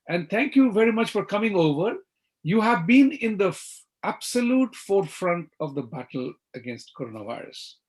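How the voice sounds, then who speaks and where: A man with an Indian English accent hosting an interview talk show, asking emphatic, animated questions. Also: on the high side.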